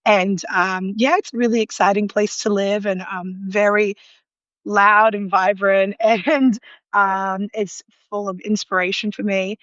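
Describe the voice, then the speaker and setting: Speaking from her apartment in a noisy city with sirens outside, this Australian food illustrator is a guest in a live online interview over a remote call, talking casually with lots of ums, likes and little laughs. Her medium-pitched, fairly bright voice moves unhurriedly with fairly even intonation. The recording is dry and dull.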